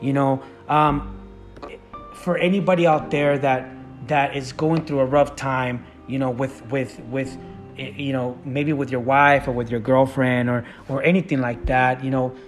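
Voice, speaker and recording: Halting man talking faith and marriage. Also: mid-range voice, level tone, soft background music. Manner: halting, many fillers and restarts. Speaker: podcast co-host. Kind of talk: casual faith talk with his wife.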